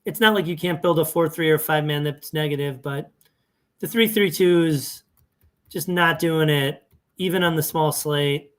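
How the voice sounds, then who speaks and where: A man's voice: on the high side, moderate pace, fairly bright tone. Chatty man thinking aloud over data. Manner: thinking aloud, self-correcting, conversational. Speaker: fantasy sports analyst. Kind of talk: casual screen-share walkthrough.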